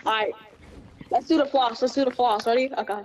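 High-voiced playful woman gamer. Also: steady tone, brisk, a little mellow. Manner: playful, bossy, joking. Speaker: game player. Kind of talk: casual gaming chat.

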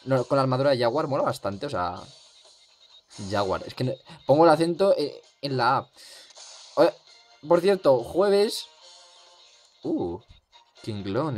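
Young guy rambling over his game, voice jumps all over, bit of music under it. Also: medium pitch. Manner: rambling, chatty, lots of fillers. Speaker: gaming youtuber. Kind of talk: casual gameplay commentary.

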